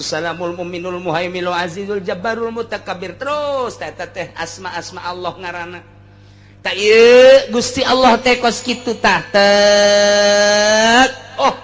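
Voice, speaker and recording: The voice is high and a bit bright, belonging to a Sundanese-accented man who works as an Islamic preacher and teacher. He gives an informal sermon with Arabic recitation, talking in an earthy, colloquial manner and repeating phrases for emphasis.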